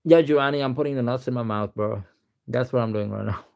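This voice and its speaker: Speaking quickly in a medium-pitched, somewhat dark voice with vocal fry, this young man from Pakistan talks in a Pakistani accent on a casual live stream. He wanders from point to point, reads answers out loud, and leans on "to be honest" a lot.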